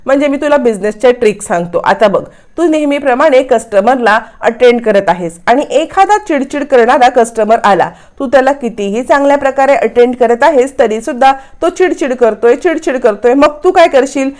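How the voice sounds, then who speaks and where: A woman's voice: high voice, lively intonation, moderate pace, hardly any pauses, a little mellow. Brief: know-it-all young man coaching a friend, as a woman narrator voices him. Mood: lecturing. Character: young man lecturing a friend on business tips.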